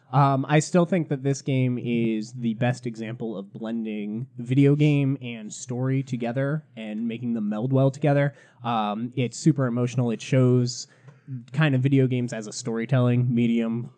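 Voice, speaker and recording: A young man hosts a casual podcast chat, chatty and easy with a laugh. His voice sits in a middle pitch with a mellow, warm tone. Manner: chatty, laughs often, leads topics. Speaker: podcast host.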